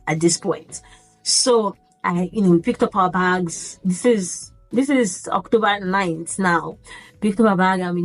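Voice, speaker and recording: Animated woman telling a story, lowish voice. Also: low-quality recording. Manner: animated, acts out the yelling in quotes. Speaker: vlogger recounting her military training. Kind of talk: casual storytelling to camera.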